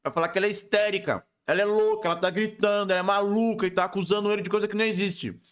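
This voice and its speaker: A man with a Brazilian accent reacting casually to a video, talking in excitable, slangy bursts. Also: high-pitched, very fast, smooth. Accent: Brazilian Portuguese. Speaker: react streamer.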